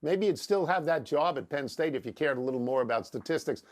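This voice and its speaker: A man's voice: fairly high pitch, animated, quick pace. An older man co-hosting a sports debate show, needling and sarcastic as he argues and reads stats. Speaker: sports talk show co-host.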